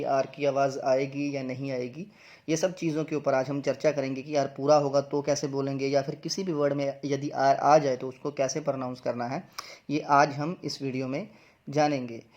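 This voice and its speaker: A man's voice: on the high side, darkish tone. Man teaching pronunciation, lo-fi sound. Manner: explains step by step, repeating each word twice. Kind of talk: explanatory video lesson. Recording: dull lo-fi sound.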